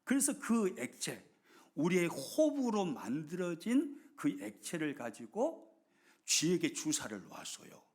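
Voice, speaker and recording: A middle-aged man preaching a sermon. His voice sits fairly high and gravelly, with a husky edge. He swings from forceful emphasis down to hushed whispers, and his pitch rises and falls widely. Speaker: pastor.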